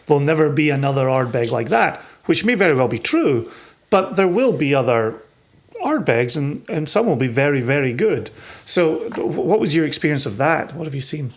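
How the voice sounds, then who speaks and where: A man's voice: a little high, very animated, moderate pace. A man hosting a casual interview podcast. He chats freely, laughs easily, and restarts his sentences often. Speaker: podcast host.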